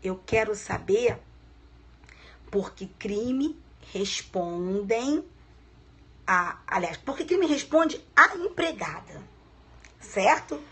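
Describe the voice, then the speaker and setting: A woman's voice: mid-range voice, lively intonation, slow, long pauses, bright, forceful tone, breathy edge. A middle-aged woman law professor giving a live-streamed lecture, chatty and affectionate, telling a case as a story.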